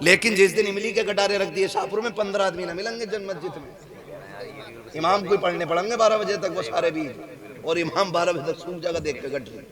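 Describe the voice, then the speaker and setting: A man's voice: high voice, brisk. A man with a western Uttar Pradesh accent preaching a sermon at a village gathering, teasing the listeners with humour and strong emphasis. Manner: humorous, teasing the audience, rising and falling emphasis. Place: crowded gathering. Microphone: microphone on a stand. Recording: crowd noise behind.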